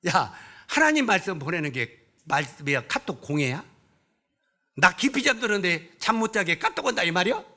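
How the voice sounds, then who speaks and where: A man's voice: high voice, big pitch swings, moderate pace, pushed and bright. A male pastor preaching in a church. He keeps putting rhetorical questions to the congregation and scolds bluntly with humor. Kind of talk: sermon. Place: church sanctuary.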